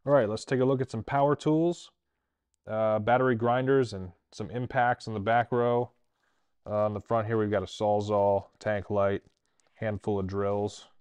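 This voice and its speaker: In a fairly low, steady voice that is a little mellow, clear, and resonant, a thirty-something traveling TIG welder speaks at a moderate pace. He shows off the tools in his indoor workshop on handheld video, keeping the explanations plain and practical.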